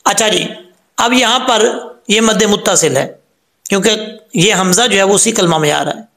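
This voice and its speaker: A man teaching Quran recitation, explaining each sound patiently step by step and chanting the verses slowly. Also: high voice, a bit bright. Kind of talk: tajweed lesson with recitation.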